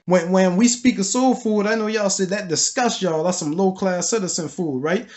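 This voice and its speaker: A man's voice: high-pitched, moderate pace. A man presents opinionated commentary. His delivery is informal and argumentative, punctuated by rhetorical questions and check-ins with the viewer. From southeastern United States. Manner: argumentative, colloquial, with rhetorical questions and repeated "all right?". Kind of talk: casual, opinionated history commentary.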